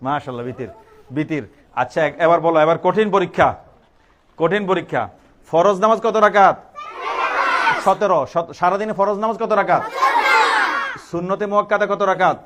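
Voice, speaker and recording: A man's voice: sits high, normal speed, long pauses. A man teaching a religious lesson to young children in a primary school classroom, quizzing and coaxing them and repeating each question in call-and-response. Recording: classroom with a noisy crowd of children. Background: children answering in chorus.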